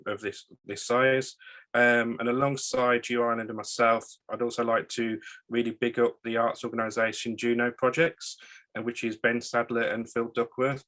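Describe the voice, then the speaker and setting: Guy introducing himself on a panel, bright forward voice but flat delivery. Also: mid-range voice. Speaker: creative producer and mentor. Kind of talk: informal self-introduction at a panel.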